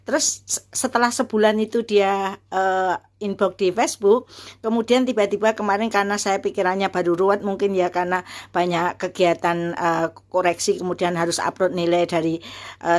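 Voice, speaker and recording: A woman in her fifties, a university lecturer, telling a personal story casually and earnestly, with many fillers and restarts. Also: lowish voice.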